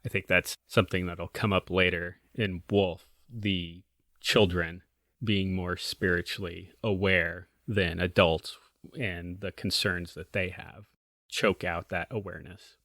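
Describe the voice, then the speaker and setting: Deep-voiced guy musing about a story, dry close mic. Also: steady tone, unhurried, fairly bright tone, dry recording. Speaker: podcast co-host. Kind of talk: casual book discussion.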